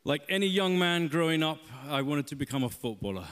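A man's voice: fairly high pitch, lively intonation, a little fast, smooth, in a large hall. A man, a church interview guest telling stories with a playful, joking manner. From London, England.

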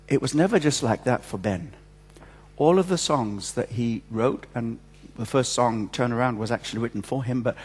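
A man leading church announcements speaks at a pulpit microphone in a large church hall, joking, chatty and self-mocking with his congregation in a jovial way. His mid-range voice is slightly rough, and the hall adds a long reverb.

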